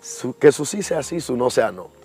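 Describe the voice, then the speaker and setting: A man's voice: mid-range voice, very animated, moderate pace, warm tone. A young man giving an earnest personal testimony, acting out the voices in his story. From Dominican Republic.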